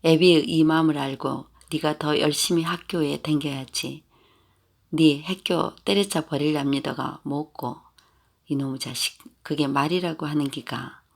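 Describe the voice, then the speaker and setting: Guy doing a drunk one-armed dad yelling in gyeongsang dialect, gravelly, loud and blustery. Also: on the high side, fairly even intonation, measured pace. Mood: lecturing. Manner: loud scolding, slurred boasting.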